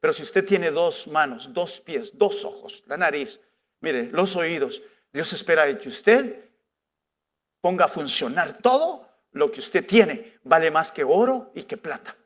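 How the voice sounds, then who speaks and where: A man's voice: on the high side, expressive, measured pace, a bit bright. A male pastor preaching a conversational sermon, full of rhetorical questions. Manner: rhetorical questions with frequent "¿verdad?".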